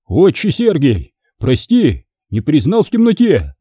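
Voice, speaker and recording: A man voicing a burly, good-natured village blacksmith who booms and placates. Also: wildly swooping pitch, a little slow, dark tone, breathy edge, no echo, studio quality, heavily acted. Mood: placating. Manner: booming, placating.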